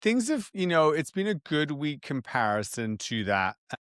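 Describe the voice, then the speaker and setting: A man's voice: a little high, sing-song, normal speed, fairly bright tone, no room sound, clean studio sound. A man co-hosting a podcast, chatting casually in an informal, rambling way. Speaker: podcast co-host.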